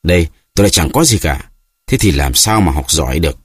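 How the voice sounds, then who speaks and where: A man's voice: extremely low pitch, lively intonation, fast, slightly rough, dry recording, clean studio sound, pitched below the performer's own voice, full character voice. A man voicing a young man who grumbles and makes excuses all the time. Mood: grumbling. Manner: whining, grumbling. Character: young man, forever complaining and making excuses.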